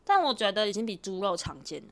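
A woman's voice: medium pitch, big pitch swings, quick pace. A young woman with a Taiwanese Mandarin accent, chatting casually as a podcast co-host, complaining bluntly and playfully. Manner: drops English words into Mandarin. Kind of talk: casual chat.

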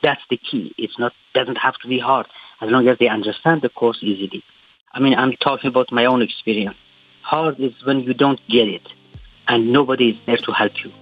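A man representing a private school, answering interview questions over a phone line, halting and restarting his sentences. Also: mid-range voice, steady tone. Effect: heard over a phone line. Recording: tinny landline phone call.

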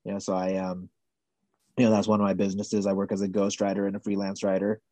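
A man speaking as a podcast guest, talking in a soft-spoken, measured and hedging way. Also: fairly low pitch, monotone, no echo. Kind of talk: casual conversational interview.

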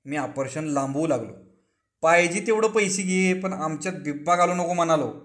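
A man's voice: fairly high pitch, moderate pace, fairly bright tone, close to an everyday voice. A man doing a boastful old village notable. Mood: aggrieved. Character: boastful elderly male village notable, smitten with his nurse.

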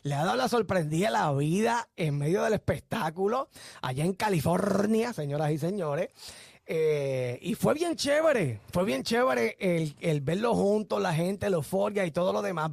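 A man's voice: sits high, expressive, fairly quick, creaky, dry recording, studio quality. A man with a Puerto Rican accent hosting a casual entertainment news chat on radio, often addressing listeners emphatically. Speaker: radio host.

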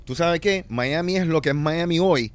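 A man's voice: fairly high pitch, moderate pace. A man joining casual podcast talk with short, emphatic remarks. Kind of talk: casual chat.

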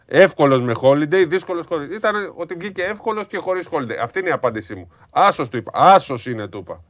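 A man's voice: on the high side, lively intonation, a bit bright, dry recording. A man co-hosting a sports talk show, defending his betting tip in a matter-of-fact way. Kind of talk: casual sports chat.

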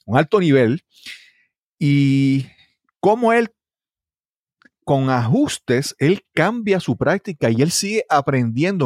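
A man's voice: on the high side, dry recording, clean studio sound. A man hosting an interview, speaking hesitantly and often seeking confirmation. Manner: hesitant, asks for confirmation with frequent tag questions. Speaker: podcast host. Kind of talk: casual interview talk.

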